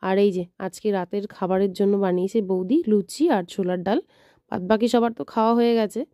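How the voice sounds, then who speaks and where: A woman's voice: steady tone, quick pace, no echo, studio quality. A woman with a Bengali accent narrating her days at home in a casual family vlog, filmed on a handheld phone. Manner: coos high and sing-song to a baby; speaks hushed and low in the morning. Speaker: vlogger.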